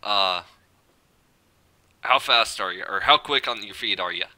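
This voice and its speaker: A man playing in a tabletop game, asking questions in a halting way with many fillers. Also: on the low side, sharp tone. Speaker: player. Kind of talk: casual tabletop game talk.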